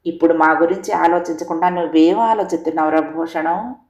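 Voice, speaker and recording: A woman voicing an elderly village mother who speaks gently and consolingly in a storybook reading. The recording has a roomy echo. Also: deep voice, steady tone, a little fast, highs cut off. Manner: gentle, consoling rural speech. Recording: echoey room.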